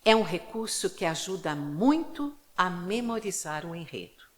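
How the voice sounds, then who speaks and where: A woman storyteller teaching a video lesson, explaining clearly and leading playful rhythm and word exercises. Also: fairly low pitch, animated, moderate pace.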